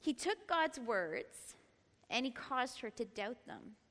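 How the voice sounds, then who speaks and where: Bright-voiced woman teaching in a reverberant hall. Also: on the high side, slow pace. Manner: lively, laughs often, prompts the group to repeat. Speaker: teacher at a church Bible study. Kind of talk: Bible teaching talk. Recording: long reverb in a large room.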